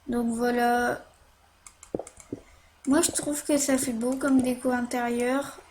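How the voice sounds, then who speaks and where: Slow, high-voiced woman explaining a game. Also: level tone, a little mellow, a little hiss or hum. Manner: hesitant, many fillers and "hop" while playing. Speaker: game tutorial narrator. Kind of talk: casual screen-recorded game tutorial.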